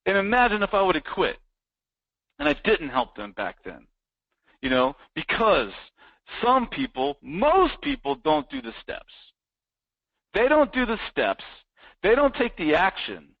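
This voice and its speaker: Male motivational trainer, somewhat high and very animated pitch, emphatic and repetitive, dull dry lo-fi stream audio. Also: unhurried, vocal fry, long pauses, no echo. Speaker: business trainer. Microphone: live-streamed online.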